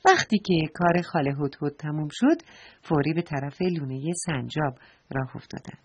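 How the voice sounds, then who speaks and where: A woman narrating a bedtime story to children, talking to them directly in a gentle way. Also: low-pitched, animated, slight background noise. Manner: warm, addresses the children directly.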